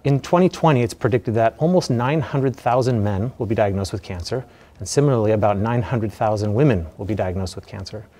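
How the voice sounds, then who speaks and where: An American man in his thirties giving a measured, explanatory medical lecture, his voice slightly muffled by a mask over his mouth. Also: on the low side, mellow. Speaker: radiation oncologist giving a lecture. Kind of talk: educational medical presentation. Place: indoor presentation room. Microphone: lapel mic.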